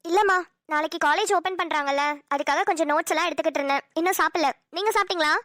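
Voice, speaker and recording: A woman's voice: very high-pitched, racing, a bit bright, dry recording, studio quality. A woman voicing a cheerful, teasing college-age daughter in a cartoon, talking in a chirpy voice. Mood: gentle. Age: young adult. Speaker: voice actor. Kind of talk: cartoon dialogue acting.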